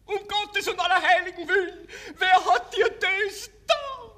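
A man voicing a wronged, anguished peasant mother in a melodrama, in a shrill falsetto with wailing, drawn-out cries. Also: pushed and bright, exaggerated voice. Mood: horrified, wailing. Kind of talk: melodramatic stage reading in dialect.

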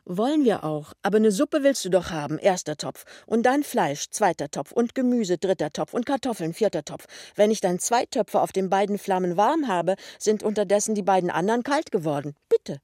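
A man's voice: sits high, animated, normal speed, few pauses, a little mellow, no room sound, studio quality, voice pushed up. A man voicing a cheerful, practical and stubborn young woman in an audiobook. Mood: insistent.

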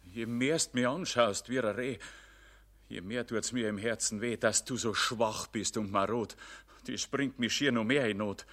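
An actor with a Bavarian accent playing a rich farmer facing death, frightened and stubborn, speaking verse in agitated, defensive bursts. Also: male voice, medium pitch, measured pace, fairly bright tone. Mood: moved. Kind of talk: verse stage drama.

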